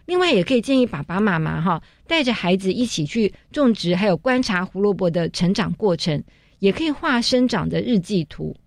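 A woman with a Taiwanese Mandarin accent, a preschool teacher on the radio. She presents a picture book in a patient, explanatory way and softens her phrases with tag particles. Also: mid-range voice, expressive, fairly quick, no echo, studio quality.

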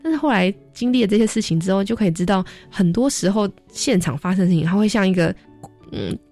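A woman's voice: medium pitch, fast talker, faint music behind. A young adult woman, a social worker, telling stories in a radio interview and acting out the voices of people she quotes. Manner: lively storyteller, acts out quoted voices.

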